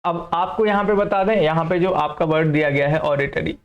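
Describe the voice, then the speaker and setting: Indian male vocabulary teacher, fairly high voice, keeps checking the class follows, dull lo-fi recording. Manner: repeats questions to students and checks understanding; slow, careful reading of English example sentences.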